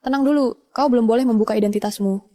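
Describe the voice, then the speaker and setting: A woman's voice: a little high, quick pace, mellow, dry recording, lightly acted. A woman dubbing the hero's loyal young wife, who speaks earnestly and urgently. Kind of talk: dubbed drama acting.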